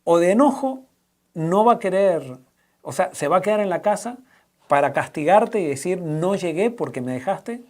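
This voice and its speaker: A male pastor, answering a question in a conversational sermon, often pausing and restarting as he works through everyday examples. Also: sits high, animated, a little mellow. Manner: halting, with many restarts and fillers, giving everyday examples.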